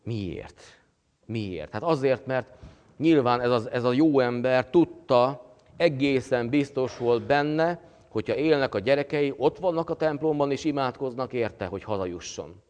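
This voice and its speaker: A man preaching a sermon as pastor, with a halting delivery full of pauses and fillers. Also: medium pitch, expressive, darkish tone, long reverb tail. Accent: Hungarian.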